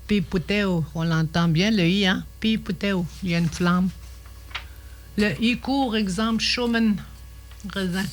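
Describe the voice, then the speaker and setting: An older woman, teaching a radio language lesson, slow and patient, repeating each word carefully. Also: mid-range voice, fairly bright tone.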